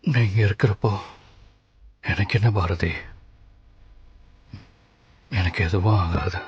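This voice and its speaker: An actor playing an injured young husband in a TV serial, calm and soothing, speaking. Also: male voice, deep voice, takes it slowly, slightly rough, no echo, dull audio, full character voice. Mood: gentle. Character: Aadhi, injured young husband, gentle and reassuring. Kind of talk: TV serial acting.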